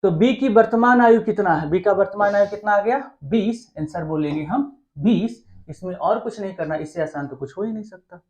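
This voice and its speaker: A man's voice: sits high, moderate pace, few pauses, a little mellow, dull audio. A man teaching an exam-prep math lesson. He keeps asking the class questions and answering them himself in a chatty, coaxing way.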